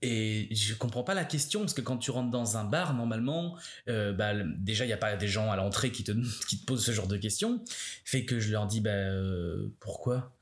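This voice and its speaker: A man from France hosting a podcast, telling animated anecdotes and acting out the quotes. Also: on the low side, moderate pace. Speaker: podcast host. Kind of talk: casual conversation.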